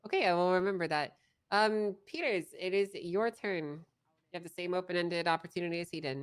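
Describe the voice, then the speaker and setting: A woman's voice: fairly low pitch, fairly quick, clean tone, no room sound, natural voice. A woman playing a patient, dryly amused judge in an improvised courtroom role-play, polite and conversational. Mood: polite, procedural.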